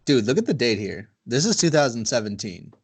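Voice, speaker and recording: A man's voice: medium pitch, big pitch swings, a little fast, gravelly, husky. A man hosting a podcast over a video call, chatting casually, rambling and swearing. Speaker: podcast host. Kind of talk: casual chat.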